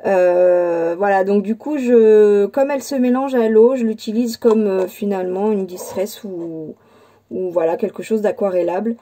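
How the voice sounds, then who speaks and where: A woman's voice: medium pitch, unhurried, warm tone, a little hiss or hum. A woman casually presenting a handmade scrapbook album, hesitant and full of fillers and restarts. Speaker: scrapbooking channel host. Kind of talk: casual crafting show-and-tell.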